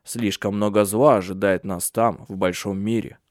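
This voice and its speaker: A man doing a calm, stern father. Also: lowish voice, no echo, clean studio sound, lightly acted. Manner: calm, unhurried.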